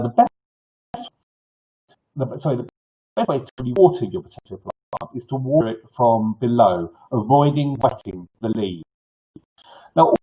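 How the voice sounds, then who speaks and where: An older man hosts an informal live clinic in a husky, toothless voice with soft, slurred consonants. He rambles haltingly, often restarting and repeating himself. The sound is dull and lo-fi. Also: mid-range voice. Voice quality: toothless, slightly slurred articulation. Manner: halting, rambling delivery with false starts and repetitions. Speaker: gardening clinic host. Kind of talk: informal live advice, answering viewer questions.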